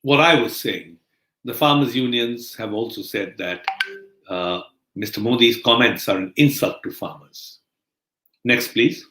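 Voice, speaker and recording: A man delivering a spoken news commentary as host of a bulletin, slow, deliberate and emphatic with pauses. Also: mid-range voice, pushed and bright, echoey room, rough recording.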